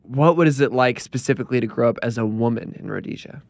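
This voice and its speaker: A man's voice: medium pitch, quick pace, creaky, a little mellow, no echo. A man hosting a podcast interview, asking curious, open-ended questions. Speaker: podcast host.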